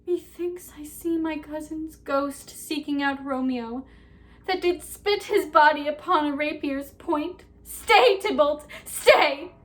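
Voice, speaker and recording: A woman's voice: high-pitched, slow. Juliet, as an actress plays her, fearful and dramatic. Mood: frantic. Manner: fearful, dramatic, swings from hush to cries. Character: young Juliet, terrified before the potion. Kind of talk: Shakespeare monologue performance.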